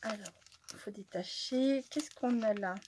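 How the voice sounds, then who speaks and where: A French-speaking woman chatting casually as she opens her mail, easily delighted, laughing often and sometimes dropping to a soft whisper. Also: a little high, measured pace, background noise. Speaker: crafting channel host. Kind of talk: casual chat while opening mail.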